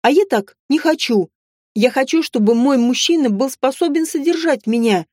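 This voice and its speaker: A woman's voice: high-pitched, expressive, normal speed, a little mellow, dry recording, studio quality. A woman reading an audiobook, voicing a careless, self-centered young mother who talks in an offhand, dismissive way. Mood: defiant.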